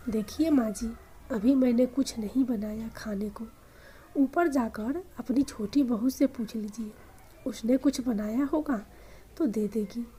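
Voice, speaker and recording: A woman voicing an impatient, sharp-tongued young daughter-in-law who scolds curtly. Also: fairly high pitch, measured pace, slight background noise, lightly acted. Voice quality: scolding, curt.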